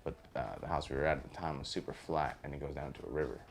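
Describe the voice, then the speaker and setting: A man's voice: rumbling low, fairly even intonation, very fast, vocal fry, a little hiss or hum. A young man telling a long story in a rambling, casual podcast chat, full of swearing and fillers. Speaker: podcast host.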